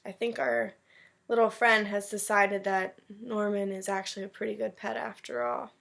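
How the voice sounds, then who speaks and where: With a medium-pitched, creaky, somewhat bright voice at normal speed, a woman acts as a teacher reading a storybook to children. She keeps it animated, adding friendly, simple asides to encourage them.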